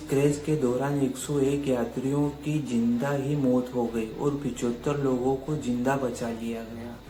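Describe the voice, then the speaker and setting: A man's voice: mid-range voice, flat delivery, a little slow, dark tone. Chatty man telling a ghost story. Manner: chatty, addresses listeners as friends. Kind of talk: casual spoken storytelling. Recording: echoey room with faint music.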